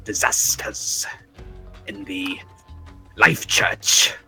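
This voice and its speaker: A man's voice: on the low side, animated, very slow, vocal fry, sharp tone, pitched below the performer's own voice, heavily acted. A man voicing a huge, stern dragonborn paladin who speaks formally through his teeth with a hissing reptilian voice, with music underneath.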